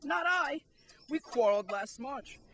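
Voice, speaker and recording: An eccentric, moody tea-party madcap, acted by a woman, fairly high in pitch. The delivery is theatrical and erratic, leaping from low mutters to sudden exclamations, in the style of an amateur audio play. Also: lively intonation, unhurried, fairly bright tone, a little hiss or hum. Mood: aggrieved, excitable. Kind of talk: amateur student audio drama.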